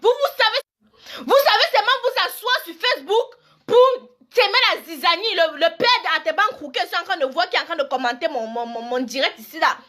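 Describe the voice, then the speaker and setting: A woman's voice: extremely high pitch, animated, brisk, pushed and bright. A woman in her twenties with a Cameroonian French accent, scolding and repeating herself in a live video rant. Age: 20s. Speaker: blogger.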